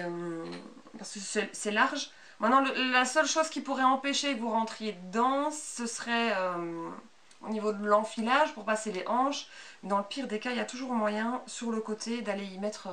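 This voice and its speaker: A woman in her thirties with a Belgian French accent, speaking at medium pitch with a fairly bright tone, casually presents clothes she made. It's a chatty, unscripted sewing vlog in a small, bright indoor room. A camera roughly two metres away records it, along with some background noise.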